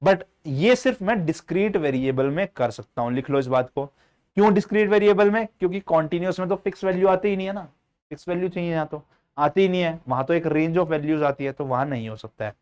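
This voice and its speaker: A man's voice: on the high side, brisk, a little mellow. A man teaching statistics to students in a live online class, explaining step by step, often checking whether they follow, and calling them child and brother.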